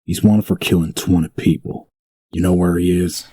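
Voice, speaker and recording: Deep-voiced Jonah Hex, grizzled bounty hunter, played by a man. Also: steady tone, normal speed, dark tone, close to an everyday voice. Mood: gruff, wry. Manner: laconic, wry, tough-talking. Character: grizzled, cocky male Wild West bounty hunter. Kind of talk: first-person audio drama narration.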